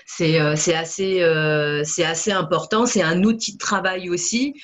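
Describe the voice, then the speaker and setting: A woman's voice: on the low side, unhurried. Hesitant woman, lots of fillers. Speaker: network marketing distributor. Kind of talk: casual talk to camera.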